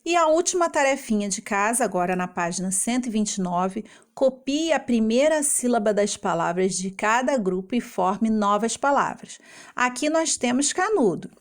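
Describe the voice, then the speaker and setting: A woman's voice: fairly high pitch, lively intonation, moderate pace. Patient teacher woman sounding out syllables. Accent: Brazilian Portuguese. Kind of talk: explaining homework to young children.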